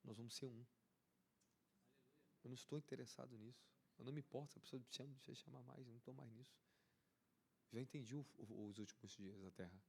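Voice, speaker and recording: A man with a Brazilian Portuguese accent preaching a charismatic sermon as an apostle, fervent and repetitive, rising to excited peaks. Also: mid-range voice, fast talker, vocal fry, long pauses.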